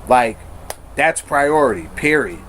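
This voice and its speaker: A man's voice: mid-range voice, expressive, a little slow, fairly bright tone, slight background noise. A man telling his personal story in a frank, conversational way, using slang and correcting himself as he goes. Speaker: storyteller sharing his recovery testimony.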